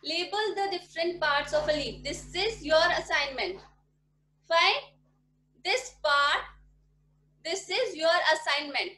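A woman's voice: high-pitched, animated, slow pace, pauses often, pushed and bright, slight background noise. A woman, teaching an online class from a small room at home, patiently repeating questions to check that her pupils follow. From India. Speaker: primary school teacher. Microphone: laptop webcam mic at desk. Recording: echoey room audio from a video call.

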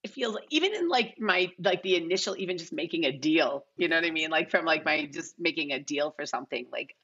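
This podcast guest, a middle-aged American woman who works as a casting director, talks fast and animatedly in a deep voice with a sharp tone and a breathy edge. Her unscripted, casual chat rambles, peppered with "like" and "you know." She's calling in by video from a bright living room at home, wearing headphones, and the audio is lo-fi and slightly dull.

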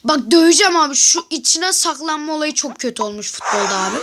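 Excitable high-voiced woman gaming. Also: fast talker. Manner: excitable, yells at the game in frustration; talks to viewers directly. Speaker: gameplay commentator. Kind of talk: casual game commentary. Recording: noisy background with mouse clicks.

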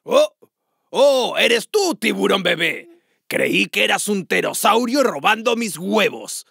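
A man voicing a fierce, huge Tyrannosaurus king in a children's cartoon, gruff and raspy, with booming, theatrical menace. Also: sing-song, slow pace, a bit bright, no room sound, clean studio sound, full character voice. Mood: surprised, gruff.

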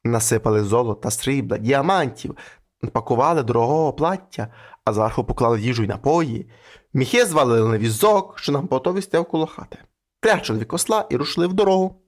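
A man with a Ukrainian accent, narrating a folk tale and acting out its characters with shifting pitch. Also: lively intonation, a little fast.

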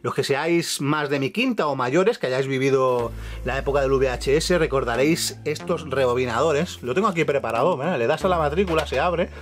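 Originally from Catalonia but with a La Mancha Spanish accent, the middle-aged host narrates an indoor vlog as he walks past the shelves of a room at home. He's enthusiastic and talks fairly quickly at a medium pitch, addressing his viewers directly.

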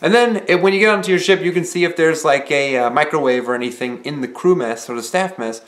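A young man talking relaxed and conversational to the camera in a small living room, explaining things with casual filler phrases. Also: fairly high pitch, quick pace. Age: young adult. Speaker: vlogger. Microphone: camera mic, head-and-shoulders framing.

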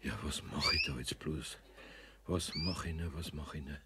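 Gruff bavarian carpenter, low voice that swings all over, noisy old tape. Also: male voice, huge pitch swings, unhurried, full character voice. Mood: worried muttering. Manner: grumbling, exclaiming to himself. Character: old master carpenter, gruff but caring. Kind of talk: radio play acting.

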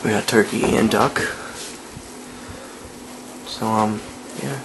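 A man's voice: fairly low pitch, steady tone, slow, background noise. Chatty upbeat man vlogging at home. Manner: chatty and upbeat, often addresses viewers as guys. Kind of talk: casual home vlog chat. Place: family home on a holiday.

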